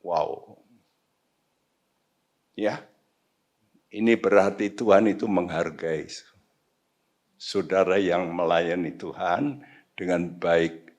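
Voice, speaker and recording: A male pastor preaching a sermon, swinging from quiet low asides to sudden loud high outbursts, slipping in English phrases. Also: steady tone. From Indonesia. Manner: slow, deliberate, mixes in English phrases. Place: church sanctuary.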